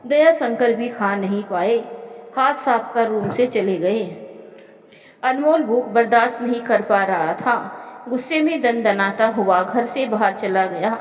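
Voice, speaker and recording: A woman narrating a moral family story in a steady, dramatic storytelling manner. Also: a little high, a little slow. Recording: echoey room with long reverb.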